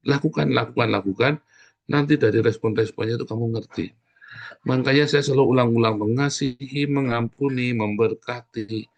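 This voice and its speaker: Speaking at medium pitch, a middle-aged man preaches to his congregation as their pastor. He urges them on directly and keeps returning to the same key phrases.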